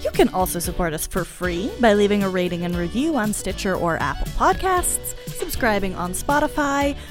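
Lively chatty woman podcast co-host. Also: medium pitch, moderate pace, over music. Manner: chatty, many fillers like "like", giggly. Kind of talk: casual book chat.

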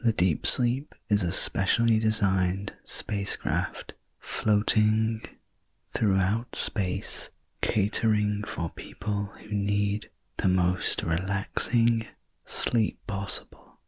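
A very breathy, whispered role-play by a man in the manner of a sleep story narrator. He is a calm, reassuring spacecraft sleep technician who speaks slowly and gently, low and close in a dry space. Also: dry recording, exaggerated voice. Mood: soothing, attentive.

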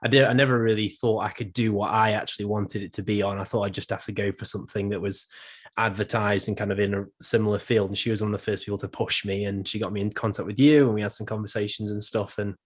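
A man's voice: lowish voice, flat delivery, fast, husky. A young man hosting a casual podcast, nasal from a cold, chatty and self-deprecating with lots of fillers. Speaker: podcast host.

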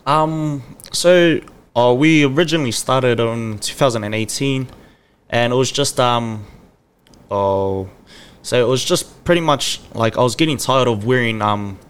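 A man's voice: mid-range voice, measured pace, clean tone. A man in his twenties from Samoa, a podcast guest chatting in a laid-back, easygoing way. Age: 20s. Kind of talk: casual chat.

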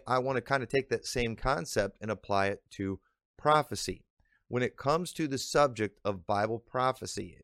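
A man's voice: medium pitch, no room sound. Pastor guy chatting about prophecy on his podcast, earnest, lots of restarts, dry close sound. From Illinois. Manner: earnest, with frequent restarts and drawn-out emphasis. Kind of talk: conversational teaching monologue.

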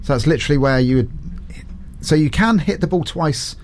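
A man hosting a radio interview, chatty and moving things along with quick questions. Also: on the high side, lively intonation. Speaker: radio presenter. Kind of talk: conversational interview.

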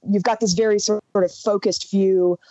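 A woman from Wisconsin in the US upper Midwest, with an American accent, joins a casual roundtable on a podcast call as a panelist. Her medium-pitched voice is dark and steady at a moderate pace, and the call audio is dull with no echo. She talks earnestly, with many fillers and restarts.

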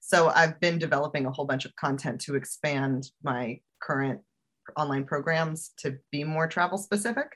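As a guest in a relaxed interview, a woman who teaches travel safety and self-defense chats in an animated way, full of fillers and laughter. Her voice is low and her speed is normal.

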